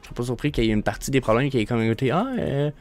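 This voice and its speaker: A man's voice: medium pitch, steady tone, very fast, darkish tone, dry recording, faint music behind. A man with a Québécois French accent hosting a show, rambling through casual commentary with frequent stumbles and restarts. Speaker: show host. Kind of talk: casual screen-share commentary.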